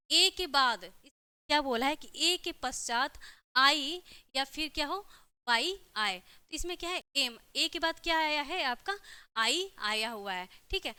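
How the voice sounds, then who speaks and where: A woman's voice: high-pitched, pushed and bright, no echo. A woman with a Hindi accent teaching a class, repeating points and checking in with "theek hai" after nearly every phrase. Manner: repeats herself with constant "ठीक है" checks. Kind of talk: classroom lecture.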